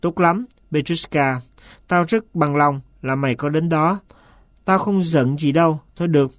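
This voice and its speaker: A nervous, agitated master speaks here, as a man reads him aloud. He turns shrill and hisses when he loses his temper. The recording is dry and close, like a storybook read at the mic. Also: measured pace, no room sound, lightly acted. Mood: coaxing. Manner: shrill, hissing when upset.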